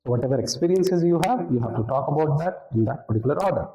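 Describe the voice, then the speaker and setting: Faint music plays behind this Indian-accented interview coach and presenter, whose mellow voice is a little high, animated and fast. Speaking in a roomy, echoing room, he teaches didactically and keeps repeating key points for emphasis.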